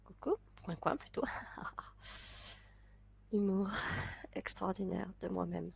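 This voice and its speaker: Her voice is mid-range and fairly flat in pitch, slow-paced, gravelly, a bit mellow and breathy. A young vlogger with a cold, she sounds congested and stuffy as she chats casually to camera, often laughing and starting her sentences over.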